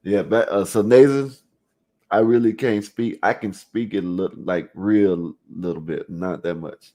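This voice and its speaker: This Florida man has a very low, deep, dark voice and takes his time hosting a casual call-in stream. He reads the live chat aloud and addresses viewers directly in loose street slang, rambling, restarting sentences, and dropping "you know what I mean" again and again.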